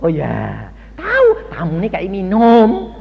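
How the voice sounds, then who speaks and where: A man's voice: high voice, wildly swooping pitch, measured pace, creaky, background noise. An older man preaching a sermon in a folksy, storytelling manner, acting out dialogue and quizzing the congregation. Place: church hall. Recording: lo-fi recording in a reverberant church hall.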